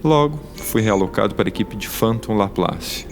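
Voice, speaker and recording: Voicing a male scientist fitted with a mechanical arm, an actor in an audio drama describes his wartime history in measured, formal, long-winded language. The lowish voice is expressive and sounds reflective and explanatory, with music playing underneath.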